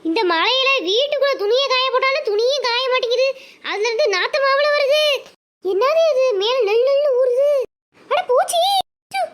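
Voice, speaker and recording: A woman's voice: very high-pitched, a little fast, fairly bright tone. A woman with a Madurai Tamil accent voicing a scolding village mother in a cartoon. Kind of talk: cartoon voice acting, many village characters.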